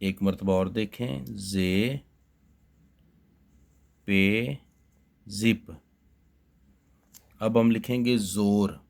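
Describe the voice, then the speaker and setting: Patient male Urdu teacher, deep and slow, spelling words out for young pupils. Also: fairly even intonation, gravelly, a little mellow. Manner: patient, spells letters one by one and repeats them. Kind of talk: slow spelling dictation lesson for children.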